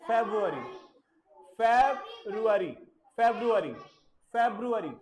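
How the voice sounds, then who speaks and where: A woman's voice: a little high, expressive, very slow, darkish tone, rough recording. A woman teaching a classroom of children, patiently repeating words to drill pronunciation and mixing English phrases into her Hindi. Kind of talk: classroom lesson. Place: village school classroom.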